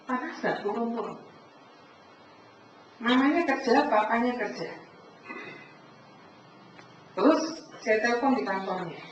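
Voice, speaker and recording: A woman giving a preaching talk to a congregation, animated, acting out conversations and often addressing her listeners directly. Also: fairly high pitch, unhurried, pauses often. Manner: animated, acts out dialogue, keeps addressing the listeners. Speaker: speaker at a church family fellowship. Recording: echoey hall from far off, dull sound, faint noise.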